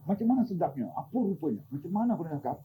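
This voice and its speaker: An older man giving an informal religious talk, animated and teasing, often asking his listeners questions. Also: fairly high pitch, racing, phone-quality sound, a little hiss or hum. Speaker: religious teacher.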